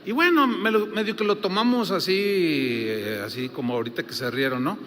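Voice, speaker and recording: An older Mexican pastor delivers a sermon in a fairly high voice, telling stories conversationally and full of fillers. His voice carries a long reverb from a large church hall. A faint hiss runs under it. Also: normal speed, a bit bright. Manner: storytelling, conversational with many fillers.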